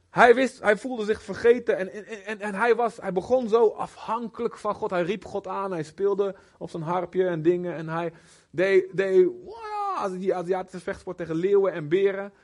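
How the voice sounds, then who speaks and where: Guy giving a laid-back sermon, kinda husky, high voice, lots of fillers. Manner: conversational and animated, with many fillers. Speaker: preacher. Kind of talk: informal sermon.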